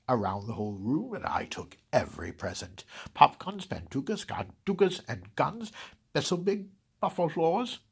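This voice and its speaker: A man voicing a grumpy, scheming holiday-hating Grinch in a dramatic first-person storybook reading, sneering, hissing in whispers and bursting out loud. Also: mid-range voice, exaggerated voice. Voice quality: gravelly, raspy. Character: grumpy scheming green male holiday-hater.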